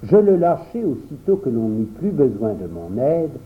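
A man reading a children's story aloud in an expressive storytelling manner, in a tinny phone-like recording. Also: medium pitch. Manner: animated, unhurried storytelling. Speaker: storybook reader.

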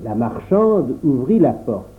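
Man narrating a story, animated pitch. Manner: measured storytelling. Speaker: audiobook narrator. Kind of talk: reading a children's novel aloud. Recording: tinny phone-like sound.

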